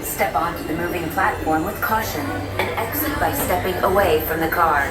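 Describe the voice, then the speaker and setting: A woman's voice: fairly low pitch, moderate pace, lightly acted. A woman playing a polite futuristic transit announcer, reading scripted safety announcements. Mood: polite, instructive. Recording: echoey, distant station loudspeaker under loud music. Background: loud music and vehicle sound.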